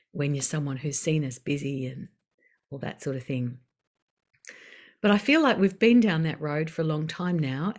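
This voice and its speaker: A middle-aged woman, calmly and unhurriedly guiding a self-care session with gentle pauses. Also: deep voice. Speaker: wellbeing session facilitator. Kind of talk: guided self-care talk.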